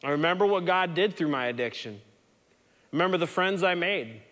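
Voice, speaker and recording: A man's voice: high-pitched, lively intonation, normal speed, a bit bright. A man preaching a sermon in an earnest, conversational storytelling way. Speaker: pastor. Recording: long hall reverb.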